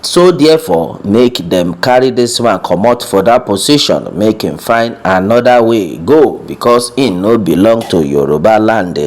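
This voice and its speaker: A man's voice: on the low side, animated, unhurried, hardly any pauses, a little mellow. A Nigerian man giving informal news commentary, repeating points for emphasis and addressing his listeners directly with hesitation sounds.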